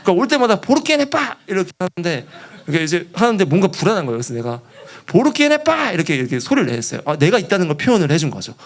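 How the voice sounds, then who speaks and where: Lively young junior pastor, man. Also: a little high, very fast. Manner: animated, acts out quoted voices, laughs as he tells a story. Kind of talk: storytelling sermon. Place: church.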